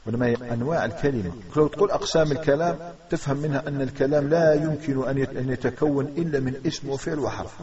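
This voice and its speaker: A man with a Maghrebi Arabic accent teaching a religious grammar lesson, methodically repeating rules and posing questions to the class. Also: mid-range voice. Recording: distant dull recording with a crowd audible.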